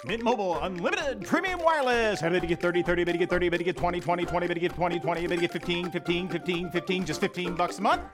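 A man playing a rapid-fire auctioneer chanting prices in an ad. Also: high-pitched, music in the background, natural voice.

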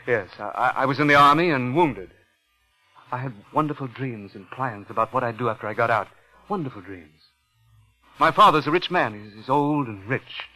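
Brief: a halting, pleading young man, 1940s radio drama narration. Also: mid-range voice, sharp tone, poor audio. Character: nervous, stammering young ex-soldier intruder. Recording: old radio broadcast with music.

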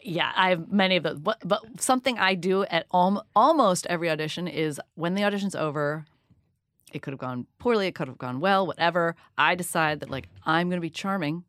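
A woman guest from Detroit, telling self-deprecating stories in a lively, animated way with acted-out voices. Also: on the low side, fairly quick, dry recording, clean studio sound. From Detroit, Michigan. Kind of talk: casual interview storytelling.

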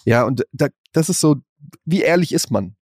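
A man's voice: on the high side, expressive, normal speed, darkish tone, slightly rough, no echo. Ranting, foul-mouthed man on a dry mic. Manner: crude, ranting, acts out quoted voices. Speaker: podcast co-host. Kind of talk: casual chat.

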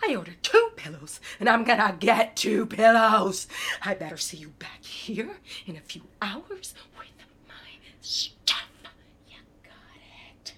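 A woman playing a frantic, loud mother fixated on her pillows, shrieking and bossy by turns, in an improvised comedy scene. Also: a little high, animated, normal speed, few pauses, breathy edge, full character voice.

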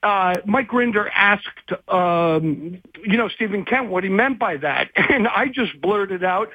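A man with a fairly high voice rambles through a phone interview, stopping and restarting his thoughts as he goes. The sound is tinny and narrow like a phone line, and completely dry. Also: animated, slow pace, dry recording. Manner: rambling and hesitant, many restarts. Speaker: guest investigative journalist.

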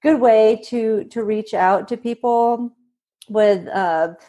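Woman author, relaxed. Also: on the high side, slow pace. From Sweden. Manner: relaxed, with frequent ums and uhs. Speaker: author guest. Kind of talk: conversational interview answers.

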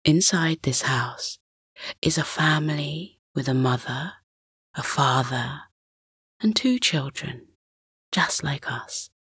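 A woman voicing a kindly male dream-maker father who speaks in a soft hushed whisper. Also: sits low, slow pace, pauses often, slightly rough, dry recording, clean studio sound, full character voice.

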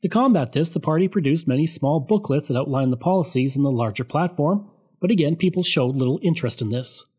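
A man giving a scripted, steady explanatory narration of political history. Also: a little high, quick pace, breathy edge.

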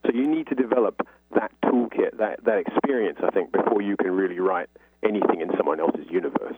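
A man with a deep, husky voice, speaking a little fast, explains things at length as a talkative, conversational interview guest who often says "you know." The recording is dry and sounds like a thin phone line.

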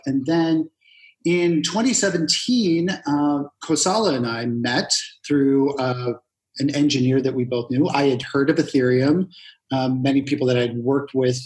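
A middle-aged man, a guest in an interview, speaking in a measured, slightly halting way about his career. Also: mid-range voice, poor audio. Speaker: guest, operations manager. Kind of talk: casual interview answers.

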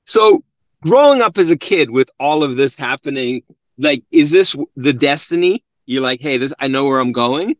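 A man's voice: mid-range voice, expressive, moderate pace, dry recording. Upbeat, chatty male podcast host. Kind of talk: casual interview hosting.

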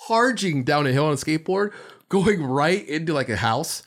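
Slangy frat-bro guy, animated and higher-pitched. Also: normal speed. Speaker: panelist commenting on skate videos. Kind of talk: casual group chat reacting to skateboard clips.

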